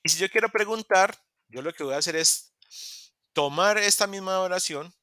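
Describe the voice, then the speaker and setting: A man's voice: high-pitched, moderate pace, bright, forceful tone, clear, resonant tone, no echo, studio quality. A man teaching English grammar in an online class, patiently repeating examples and acting out short dialogues. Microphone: computer mic in a video call.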